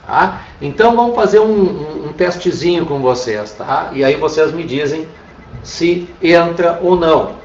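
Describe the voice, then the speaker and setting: A man's voice: on the high side, unhurried, darkish tone, slight background noise. A man with a Brazilian Portuguese accent teaching an online Spanish class, patiently repeating "tá?" to check that students follow. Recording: roomy, distant, dull lo-fi sound.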